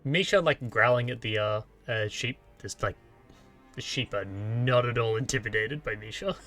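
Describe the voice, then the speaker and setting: An Australian man narrating a tabletop game as game master, casual and halting as he improvises. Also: medium pitch, fairly bright tone, faint music behind.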